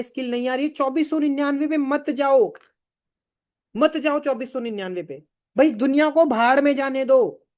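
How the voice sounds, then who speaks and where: A man's voice: very high voice, a little mellow. A man running a live online sales training, emphatic and firing rhetorical questions, urging viewers to answer in the chat.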